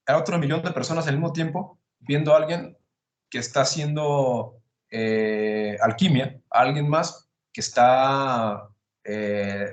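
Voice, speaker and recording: A man lays out his ideas in a relaxed, conversational way, often asking himself a question and then answering it. His voice sits at a middle pitch. The room around him has a noticeable echo. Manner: thoughtful, builds arguments with rhetorical questions. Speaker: podcast host explaining psychology. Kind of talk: casual explanatory conversation.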